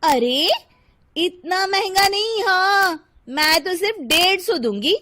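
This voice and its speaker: Woman doing a shrill bossy cartoon housewife. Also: animated, unhurried, very noisy. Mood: scolding. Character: stingy, sharp-tongued young housewife, mother. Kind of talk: animated cartoon dub.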